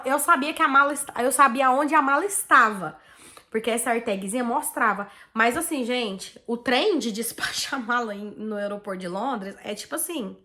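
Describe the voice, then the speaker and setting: Brazilian Portuguese accent, woman vlogger, raised pitch, chatty storytelling, animated. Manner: chatty, animated, peppered with "tipo assim" and "né". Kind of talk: casual storytelling to viewers.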